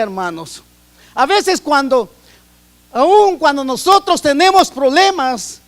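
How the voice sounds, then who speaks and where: A man's voice: very high voice, fairly bright tone. A man from Guatemala with a Guatemalan accent, preaching a sermon in an earnest way, often repeating and restarting phrases. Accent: Guatemalan Spanish.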